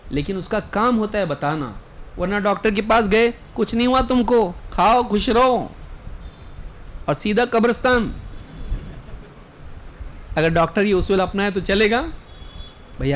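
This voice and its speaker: Male Islamic scholar giving a lecture, fairly high voice, reads out scripture slowly, asks the audience rhetorical questions. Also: fairly bright tone. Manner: explains Quranic verses with rhetorical questions and everyday examples; recites Arabic verses slowly, then explains them. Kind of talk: religious lecture.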